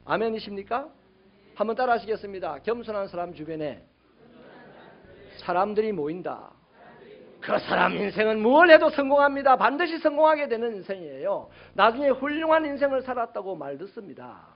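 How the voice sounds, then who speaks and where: A male pastor preaching a sermon, animated and sometimes shouting out quoted rebukes to his congregation. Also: high-pitched, a little fast, muffled recording.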